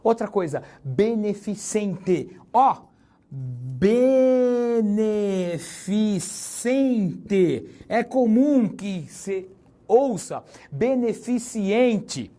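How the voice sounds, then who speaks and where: Joking teacher. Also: male voice, sits high, animated, mellow. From Brazil. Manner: chatty, joking, spells words out slowly and stresses them. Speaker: Portuguese teacher. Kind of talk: recorded exam-prep lesson.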